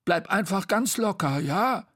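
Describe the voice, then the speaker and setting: A man voicing a cheeky, bossy little male storybook creature in a high, perky voice, dry and close. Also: lively intonation, a little slow, fairly bright tone, dry recording, exaggerated voice. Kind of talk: storybook read-aloud.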